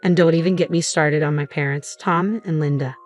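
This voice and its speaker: Young adult woman narrator, low voice, steady dramatic storytelling over faint music. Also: fairly quick. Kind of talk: scripted first-person story narration. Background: faint background music.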